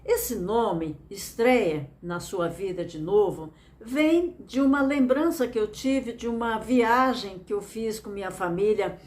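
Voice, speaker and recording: Slow and darkish in tone, with medium pitch and hardly any pauses, a Brazilian-accented woman from Mato Grosso do Sul delivers a motivational lecture presenting a method. She is earnest and encouraging, repeating phrases to drive her points home.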